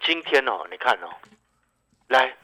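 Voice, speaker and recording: A man with a Taiwanese Mandarin accent giving radio stock market commentary, animated and full of rhetorical questions to the listener. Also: mid-range voice, a little slow, rough recording.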